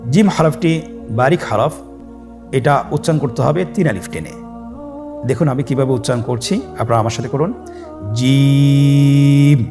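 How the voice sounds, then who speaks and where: A man teaching Arabic letters step by step, leading students to repeat after him with slow, drawn-out letter names. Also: mid-range voice, lively intonation. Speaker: Quran teacher. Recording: faint background music.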